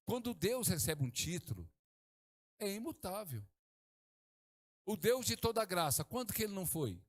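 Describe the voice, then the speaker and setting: A middle-aged man from Brazil, preaching a sermon as pastor, swinging from hushed to exclaiming. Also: sits high, sing-song, moderate pace.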